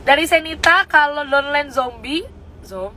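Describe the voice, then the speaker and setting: A woman coaching her team in a casual talk, frank and animated, often asking her listeners rhetorical questions. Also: high voice, unhurried, a little hiss or hum, poor audio.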